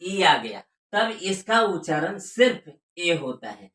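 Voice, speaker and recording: A woman gives a spoken pronunciation lesson, spelling out letters one by one and repeating each word so learners can follow. Her voice is bright and fairly low, and she speaks at an unhurried, deliberate pace. The recording carries a noticeable room echo. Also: big pitch swings. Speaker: English teacher. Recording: echoey room.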